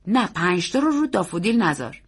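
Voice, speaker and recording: A woman's voice: mid-range voice, big pitch swings, husky. A woman voicing a jovial grown uncle who speaks in a teasing, coaxing way. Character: jovial grown uncle, amused then wary.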